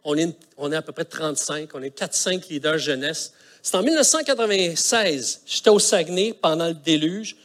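A middle-aged man with a Quebec French accent, preaching a sermon as a colloquial, animated story with vocal sound effects. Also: fairly high pitch, normal speed. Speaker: pastor.

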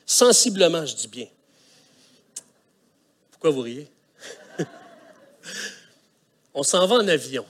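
A middle-aged man with a Quebec French accent, preaching a sermon as a colloquial, animated story with vocal sound effects. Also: medium pitch, takes it slowly, pauses often, husky. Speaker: pastor.

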